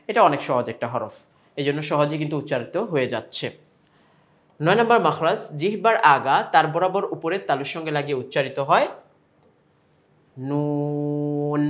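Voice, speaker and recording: A man with a Bangladeshi Bengali accent teaching Quran pronunciation step by step, stretching out sample sounds between explanations. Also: on the high side.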